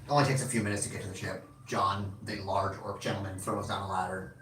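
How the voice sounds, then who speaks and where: A man with a fairly low but bright, forward voice narrates a tabletop game, circling back with fillers as he goes. The mic sits some distance away in a reverberant room, with a faint hiss underneath. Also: flat delivery, fast. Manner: meandering, many fillers and restarts. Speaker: game master.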